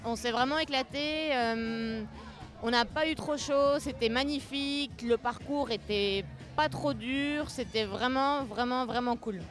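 A woman's voice: fairly high pitch, unhurried. A woman competing in an adventure race, answering enthusiastically in a casual interview with faint music behind. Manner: upbeat, enthusiastic. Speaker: race participant.

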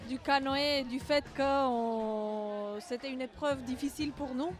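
Soft-spoken high-voiced woman. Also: measured pace. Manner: soft-spoken, quiet, hesitant. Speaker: race participant. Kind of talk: casual interview answers.

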